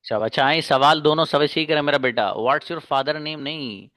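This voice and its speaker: A man with an Indian accent teaching an online English class, telling stories and coaxing his students in a relaxed way. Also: a little high, normal speed, dry recording, studio quality. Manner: relaxed storytelling, coaxing and encouraging, mixes English into Hindi. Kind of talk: casual Hindi class talk with English drills.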